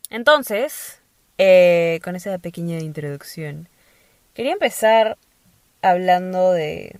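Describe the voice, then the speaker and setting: A woman's voice: lowish voice, dry recording. Chatty young woman, dry close sound. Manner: chatty, playful, quick asides. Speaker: podcast host. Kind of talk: casual monologue.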